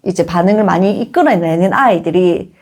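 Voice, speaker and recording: A middle-aged woman, an early childhood educator, giving informal parenting advice to a companion, expressive and often laughing. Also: lowish voice, brisk. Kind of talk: casual advice talk to a companion.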